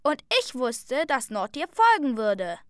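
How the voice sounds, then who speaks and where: A woman's voice: high-pitched, big pitch swings, a little slow, clear, resonant tone, no echo, pitched above the performer's own voice. A cheeky young elf brother chimes in eagerly in a storybook tale, voiced by a woman. His voice is somewhat raised and keen. The sound is dry and close.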